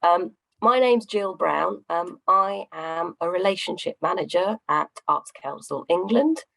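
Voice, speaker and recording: Female panel speaker, deep-pitched, hoarse and croaky with a gravelly fry. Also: unhurried, fairly bright tone, low-quality recording. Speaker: arts funding relationship manager. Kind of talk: spoken self-introduction at a panel.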